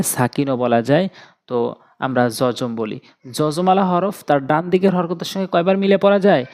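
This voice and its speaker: A man with a Bangladeshi Bengali accent teaching Quran reading step by step, slowly drilling and repeating letter sounds. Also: a little high, a little mellow. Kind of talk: step-by-step recitation lesson.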